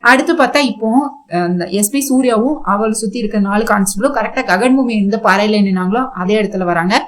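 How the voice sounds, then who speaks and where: Fast-talking woman recapping a serial. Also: medium pitch. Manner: rapid, rambling recap with fillers. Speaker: serial reviewer. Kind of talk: casual retelling of a TV serial promo.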